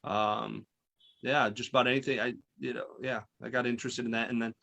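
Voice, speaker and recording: A man in his forties, a guest financial advisor, chatting in an interview with intense, animated storytelling and frequent restarts. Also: mid-range voice, a little fast, vocal fry. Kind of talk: casual interview chat.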